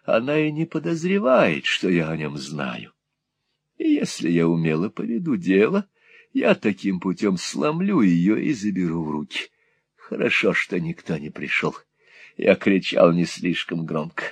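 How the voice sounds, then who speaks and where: A man voicing a spiteful, gloating old miser in a storybook reading, with a shrill, sneering, cackling voice. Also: big pitch swings, measured pace, vocal fry, breathy edge, no room sound, heavily acted.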